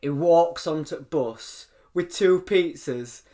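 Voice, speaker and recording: A young man tells stories on a casual chat show. He is lively and animated, breaks into laughter often and swears without a second thought. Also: a little high, slow. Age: 20s. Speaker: podcast co-host.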